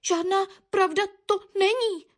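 A woman's voice: very high-pitched, voice pushed up. A woman voicing an indignant male woodpecker insisting on his innocence. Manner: indignant protesting.

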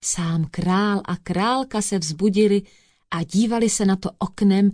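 A woman's voice: mid-range voice, a little mellow, no room sound, clean studio sound. A woman reading a fairy tale aloud, speaking to her listeners as children. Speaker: storyteller.

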